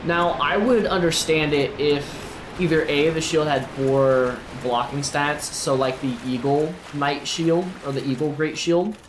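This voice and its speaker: A man chats playfully through his gameplay, his voice sitting a little high for a man and bouncing into sing-song asides. The room rings with echo, and steady noise runs under him. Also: measured pace, hardly any pauses. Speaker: gameplay streamer. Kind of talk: casual gameplay commentary.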